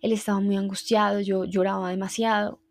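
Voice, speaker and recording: A woman, hosting a podcast and telling a personal story in a reflective, heartfelt, halting way. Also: mid-range voice, level tone, gravelly. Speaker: podcast host.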